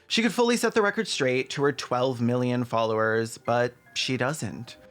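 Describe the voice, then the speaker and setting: Sarcastic and irreverent, a man with a mid-pitched, slightly bright voice presents a comedic video essay at normal speed. The script is peppered with casual asides, and faint music sits underneath.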